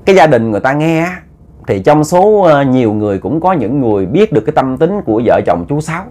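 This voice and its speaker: A man telling a ghost story casually, animated and often stammering through repeated words as he acts out quoted scolding. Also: a little high, quick pace.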